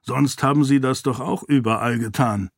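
A man voicing a calm, wry male companion who speaks in a slow, matter-of-fact way, in an audiobook. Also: medium pitch, slightly rough, dry recording, clean studio sound.

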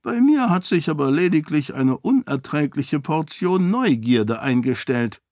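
A wry old duke, as a male narrator puts him on, drawling his words with amused slyness in a higher, lifted voice. The storybook reading sounds close and dry, with no room around it. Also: lively intonation, darkish tone, dry recording. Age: older. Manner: slow, teasing, drawn-out speech.

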